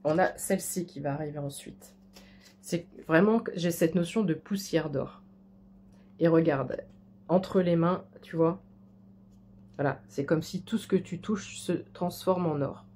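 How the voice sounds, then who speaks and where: An unhurried tarot reader with a lowish, warm voice speaks to the viewer intimately and reassuringly, often stumbling and repeating herself. There is slight background noise.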